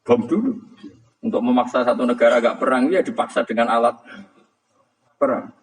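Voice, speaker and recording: A man's voice: medium pitch, a little fast. A man giving a religious lecture, humorous and chuckling, often quizzing his audience. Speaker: Islamic preacher.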